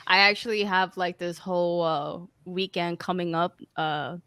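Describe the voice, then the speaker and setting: A woman's voice: on the low side, fairly even intonation, a little slow, a bit bright, clear, resonant tone, no room sound. A woman chatting casually in a playful, joking way. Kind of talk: casual chat.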